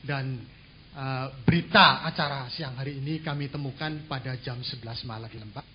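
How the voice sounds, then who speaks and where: A man from Madura, an audience member asking a question in a halting, formal way. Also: medium pitch, steady tone. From Madura, Indonesia. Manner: halting and formal, with many pauses. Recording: muffled, clear background noise.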